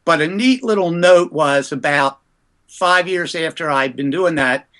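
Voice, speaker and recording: A man from the US East Coast, a ventriloquist, telling lively anecdotes about his early career in a casual interview. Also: on the high side, unhurried.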